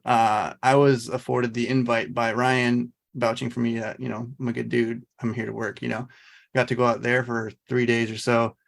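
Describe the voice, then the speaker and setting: A man's voice: medium pitch, little pitch movement, normal speed, gravelly. A man from Oregon hosting a podcast, casual and laid-back, affirming his guest often. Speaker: podcast host. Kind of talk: casual chat.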